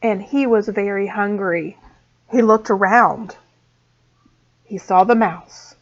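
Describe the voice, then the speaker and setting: A woman teacher reading a storybook aloud to small children, expressive and slow. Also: medium pitch. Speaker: preschool teacher. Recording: dull lo-fi sound.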